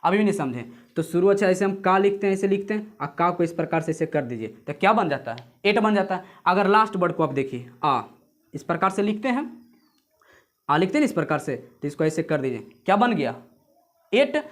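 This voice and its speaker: A man's voice: high-pitched, expressive, brisk. A man teaching an exam-prep lesson, repeating points over and over and calling viewers "friends". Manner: repetitive drilling, addresses viewers as friends; explains memory tricks with jokes and sung snippets. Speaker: coaching teacher.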